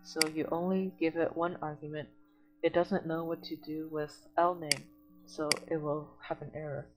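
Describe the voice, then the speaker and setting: A tutor leads an online coding lesson, reading documentation aloud and then restating it in plain words. The voice sits in a middle register and moves at a patient, step-by-step pace. Faint music plays softly underneath. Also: medium pitch, little pitch movement, moderate pace, poor audio.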